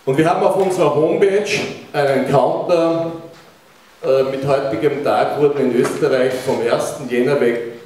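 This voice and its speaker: A middle-aged Austrian man delivers a public lecture at a middle pitch, putting questions to the listeners. He speaks into a handheld mic in a big, very echoey lecture hall. The recording picks him up from a distance, with a faint hiss underneath. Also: normal speed, a little mellow. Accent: Austrian German. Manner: engaging, asks the audience questions. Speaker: keynote speaker. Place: large university lecture hall, indoors. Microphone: handheld mic, recorded by a far camera.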